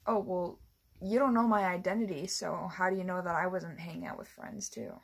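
Chat Noir played by a young woman, gravelly. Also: lowish voice, a little fast, slight background noise. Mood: smug. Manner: playful, teasing, smug. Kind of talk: casual in-character cosplay banter.

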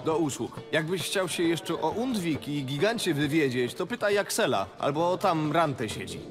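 An actor playing a hearty, talkative middle-aged innkeeper in a fantasy game, earthy and folksy. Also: male voice, on the high side, sing-song, moderate pace, over music. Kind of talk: fantasy video game voice acting.

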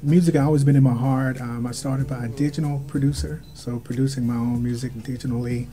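A man's voice: mid-range voice, steady tone, a little fast, warm tone. A man from Alabama, a producer guest on a radio talk show, hesitant with many ums. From Birmingham, Alabama, United States. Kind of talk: casual talk show self-introduction. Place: small radio studio. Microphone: studio mic with headphones.

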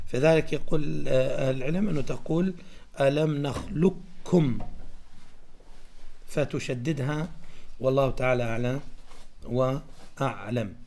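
A man gives a religious lesson on Quran recitation rules. He talks in a patient, repetitive teaching manner, sprinkling in blessings. He slows down to model each example carefully. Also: medium pitch. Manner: repeats phrases, often says "barakallahu fikum", slows down to demonstrate recitation.

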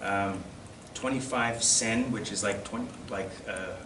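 Heard from a distance through a camera across an echoey, noisy classroom, a lowish-voiced man gives a relaxed slide-show lecture to a collectors' society. His intonation is fairly even, and his delivery is hesitant and halting, with self-deprecating asides.

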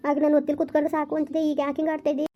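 A woman's voice: sits high, monotone, very fast, dull audio, natural voice. A woman playing a young woman who is eager to marry a grieving man, coaxing and impatient. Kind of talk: village skit acting.

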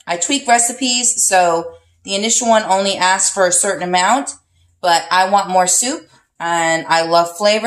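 A woman with a fairly low voice talks through a recipe in her home kitchen. Her tone is relaxed and chatty, and she counts out spice shakes as she goes. She is recorded by a camera sitting on the counter. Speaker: cooking vlog host. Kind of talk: casual cooking demonstration.

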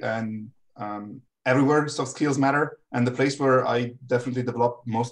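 Man, department head on a panel; relaxed, medium pitch. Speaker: head of a school's game department.

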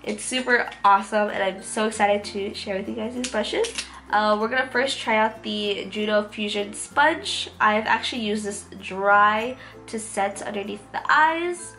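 A twenty-something beauty vlogger, still shaking off a cold, speaks in a congested, nasal mid-range voice with a sharp tone and a measured pace. She reviews makeup casually and with gushing enthusiasm in a small room at home, and music plays behind her.

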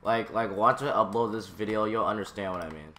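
A deep-voiced man chats casually over a survival game, sounding more and more exasperated with his friend. His home mic carries a steady layer of hiss and noise. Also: brisk. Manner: exasperated, repeatedly complaining. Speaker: gamer recording a let's play. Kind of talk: casual gaming chat. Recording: noisy home gaming mic.

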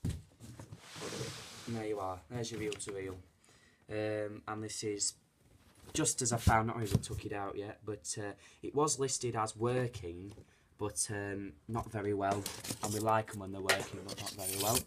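In a lowish, flat, unhurried voice, a young British man hosts an unboxing vlog, chatting unscripted to a camera placed a short distance from him indoors. The carpeted living room setting is captured with noisy home camera audio marked by clicks.

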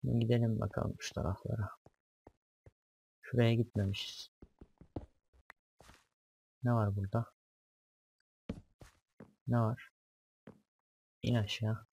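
A man's voice: lowish voice, little pitch movement, slow pace, vocal fry, long pauses, mellow, a little hiss or hum. A young man doing casual let's-play commentary, talking to himself as he explores, swearing and jumpy at scares. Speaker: gaming YouTuber.

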